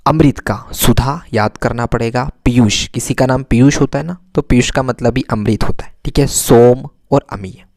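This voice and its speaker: A man's voice: medium pitch, a little mellow, dry recording, studio quality. A man teaching a vocabulary lesson to children, repeating each word several times and asking questions that he answers himself. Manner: repeats words slowly, asks and answers himself.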